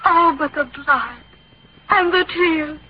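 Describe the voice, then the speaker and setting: A sophisticated, affected schoolgirl in an old radio comedy. She declaims an overacted death scene in a very high, theatrical voice. The recording is dull and lo-fi. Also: slow pace. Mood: melodramatic. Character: sophisticated, affected teenage girl acting in school play.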